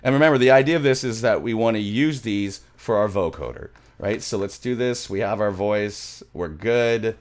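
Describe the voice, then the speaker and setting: A middle-aged man with a lowish voice talks at a moderate pace, barely pausing, during a casual screen-share music production tutorial. He rambles with enthusiasm and keeps cutting himself off, speaking close into a studio mic with headphones on in a small home studio.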